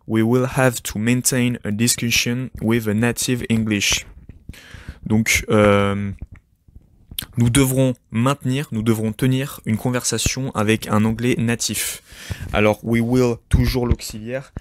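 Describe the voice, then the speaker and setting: A man giving an informal spoken lesson, talking directly to the listener with many hesitations and repeated words. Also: fairly low pitch. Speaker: English teacher, podcast host. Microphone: podcast microphone.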